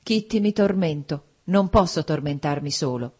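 A woman's voice: fairly low pitch, expressive, moderate pace, dark tone. A woman reading a novel aloud, voicing an anxious, tormented young man who pleads earnestly. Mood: pleading. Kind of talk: audiobook character reading.

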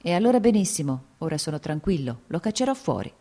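A brooding, jealous young landowner, terse and sulky yet resolute, read by a woman. The voice stays low and dark, with none of a man's real depth. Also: very animated, quick pace.

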